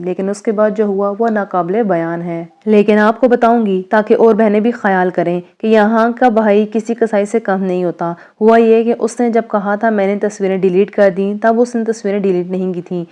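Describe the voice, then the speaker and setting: A woman's voice: medium pitch, warm tone, clear, resonant tone. A woman storyteller narrating a first-person story in an earnest, cautionary manner.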